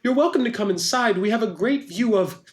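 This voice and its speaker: A man voicing an odd, cheerful male radiant who stammers in a very high voice. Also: animated, a little fast, roomy sound. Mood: eager, flustered. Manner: stammering, eager, very high-pitched.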